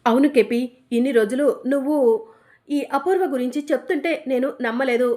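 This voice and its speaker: A woman's voice: high voice, moderate pace, a little mellow, close to an everyday voice. A woman voicing an angry stern husband. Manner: accusing, scolding.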